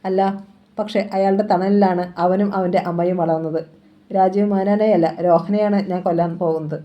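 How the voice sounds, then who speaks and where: A cold, menacing male killer in an audiobook crime thriller, read by a woman narrator. His voice is low and mellow, threatening and commanding, with a dark calm about it. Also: normal speed, lo-fi sound, close to an everyday voice. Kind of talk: audiobook novel reading.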